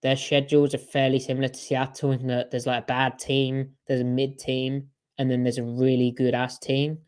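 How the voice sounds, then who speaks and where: A mid-pitched man co-hosting a casual sports podcast. He rattles off rhetorical questions in a chatty, conversational flow. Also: monotone, moderate pace, a little mellow, clear, resonant tone. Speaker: podcast co-host.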